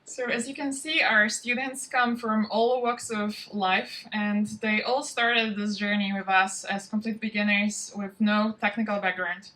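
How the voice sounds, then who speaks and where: Bright-voiced woman hosting a demo day. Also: medium pitch, a little slow, few pauses, recorded from a distance, rough recording. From from outside Norway. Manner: relaxed, informal, with frequent ums. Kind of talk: event welcome speech. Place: event venue, spoken to a live audience.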